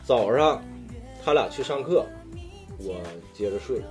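A man with a Northeastern Chinese accent tells casual stories among friends. His voice is mellow and moves animatedly up and down, with earthy slang and the odd swear word. Faint music plays behind him. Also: mid-range voice, expressive, unhurried. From Daqing, northeastern China. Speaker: talk show storyteller among friends. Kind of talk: casual chat, personal anecdotes.

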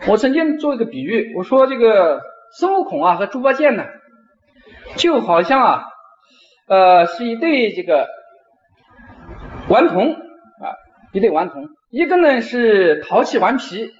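A middle-aged man, a university professor, giving a lecture and telling stories with drawn-out particles. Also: high voice, lo-fi sound. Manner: animated storyteller, frequent drawn-out particles. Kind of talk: lecture with storytelling.

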